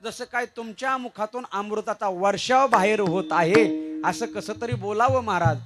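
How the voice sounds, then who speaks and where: A man with a Marathi accent preaching a devotional kirtan sermon, mixing jokes and stories with slowly chanted verses. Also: high voice, music in the background.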